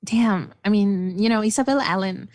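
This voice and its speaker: A woman's voice: mid-range voice, moderate pace, no room sound. A woman guest on a film podcast, talking enthusiastically in casual discussion. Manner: enthusiastic, animated.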